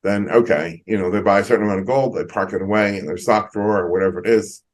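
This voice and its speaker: A middle-aged man, an economist guest on a video call, explaining in a measured way with frequent ums. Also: lowish voice, low-quality recording. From United States. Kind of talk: interview answers.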